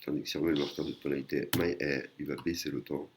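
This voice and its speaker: A man teaching a language lesson in a casual way, with many pauses and fillers, explaining patiently and often adding a tag word at the end of his sentences. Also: a bass voice, steady tone, a little hiss or hum. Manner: hesitant, many fillers and restarts. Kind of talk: casual screen-recorded lesson.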